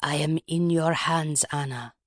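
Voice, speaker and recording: A reader voicing a trembling old Russian man, a cowardly traitor, who speaks in a soft, slow, pleading way. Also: mid-range voice, steady tone, no room sound, clean studio sound, close to an everyday voice. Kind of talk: audiobook reading.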